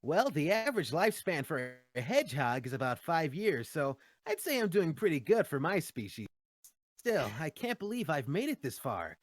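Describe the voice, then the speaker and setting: A man plays a cocky cartoon hero hedgehog, upbeat and full of playful wisecracks. The delivery is breezy and very animated, on a dry, close recording. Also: a little high, normal speed, no room sound. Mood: proud, nostalgic. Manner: breezy, quippy. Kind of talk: in-character fan Q&A.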